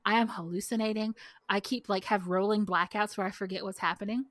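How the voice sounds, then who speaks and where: A young woman tells a story on her podcast in a casual, animated way, with "like" filling her sentences. She acts out the voices of the people in the story. Her voice sits at a middle pitch and sounds dry and close. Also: a little fast, no echo. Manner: animated, heavy use of "like", acts out quotes. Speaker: podcast co-host. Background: dog barking outside.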